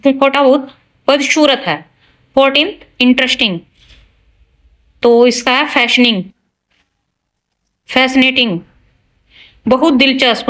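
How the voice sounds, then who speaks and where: A woman teaching English vocabulary, speaking slowly and deliberately through each example, with casual asides to the listener. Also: sits high, a bit bright, low-quality recording. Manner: slow and deliberate, spelling out examples word by word. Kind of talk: explaining a vocabulary lesson.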